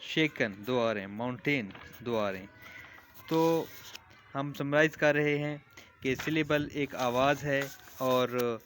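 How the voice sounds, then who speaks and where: Male teacher, mid pitch, patient classroom delivery, faint noise. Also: a bit bright. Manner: patient, repeats examples slowly. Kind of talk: classroom lesson explanation.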